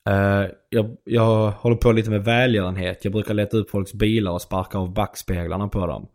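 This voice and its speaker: A man's voice: fairly low pitch, fairly even intonation, a little mellow. A young male stand-up comedian telling an anecdote in casual chat, rambling and full of fillers.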